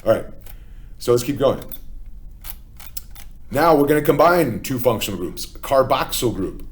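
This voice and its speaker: A man's voice: mid-range voice, expressive, normal speed. A man with a Philadelphia accent, teaching a chemistry lesson step by step and often checking in with "okay?". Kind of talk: classroom lecture.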